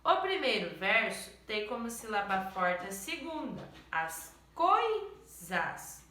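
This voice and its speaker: A woman teacher slowly going over exercises in a recorded lesson, stopping often to check that the students follow. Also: medium pitch, big pitch swings, sharp tone, echoey room, a little hiss or hum.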